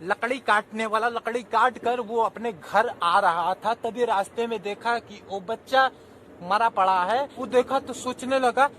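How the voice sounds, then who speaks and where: Man telling a religious story, repeats lines a lot, really high bright voice. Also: unhurried, a little hiss or hum. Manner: repeats phrases, addresses listeners as "Maharaj". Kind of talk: devotional story narration.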